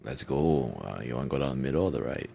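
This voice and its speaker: A man playing in a tabletop role-playing game, talking casually in a slow, gravelly way. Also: very deep voice, animated, background noise. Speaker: player.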